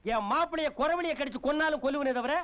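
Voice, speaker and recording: Very high-voiced, caustic middle-aged uncle in a film comedy, quick with insults. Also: male voice, a bit bright, highs cut off. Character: sharp-tongued scolding middle-aged uncle.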